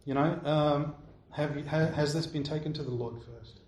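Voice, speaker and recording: A man with a somewhat high voice preaches in a relaxed, conversational way, often pausing to check in with his listeners. His voice carries a roomy echo from a church hall. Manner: conversational, keeps checking in with "all right?". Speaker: pastor. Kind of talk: sermon answering congregation questions.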